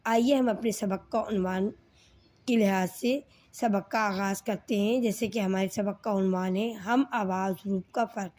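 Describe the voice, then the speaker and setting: A woman's voice: on the high side, a little mellow. A woman teaching children Quran reading in Urdu with a Pakistani accent, patiently repeating letter sounds and checking in with the class.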